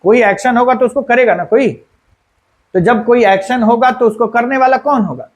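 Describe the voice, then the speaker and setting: A man with a high-pitched voice teaches a grammar lesson. He works through each point step by step, putting questions to the class and answering them himself. He slows right down to repeat the example sentences. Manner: asks and answers his own questions. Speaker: English teacher.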